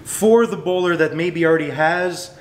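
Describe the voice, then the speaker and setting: A man's voice: a little high, moderate pace, a little hiss or hum, rough recording. A young man hosting a casual product interview in a store, guiding and recapping points. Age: young adult. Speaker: host. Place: bowling shoe store, indoors.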